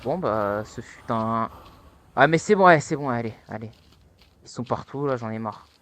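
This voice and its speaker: A young man giving casual let's-play commentary, taunting and excitable, with sudden high-pitched yelps. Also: moderate pace. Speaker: gaming youtuber.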